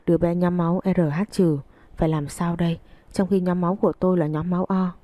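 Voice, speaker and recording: A woman reading a serialized romance story aloud in the first person, in a calm, even voice. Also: lowish voice, brisk, dry recording.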